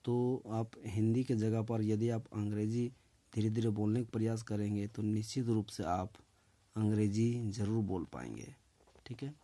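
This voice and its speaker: A man hosting his own channel, teaching spoken English in a slow, deliberate way, repeating each phrase and often checking in with "okay". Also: lowish voice, dark tone.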